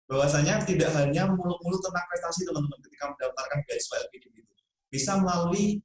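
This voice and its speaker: A man hosting a question-and-answer talk, reading out viewer questions and affirming his guest briskly. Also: a little high, heavy reverb, low-quality recording. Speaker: host.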